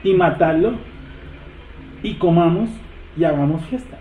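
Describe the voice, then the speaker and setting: A man leading a Bible study, quizzing the seated group and repeating verses slowly. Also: fairly high pitch, slight background noise. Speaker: Bible teacher. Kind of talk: interactive Bible study teaching. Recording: echoey room over a tinny phone-like line.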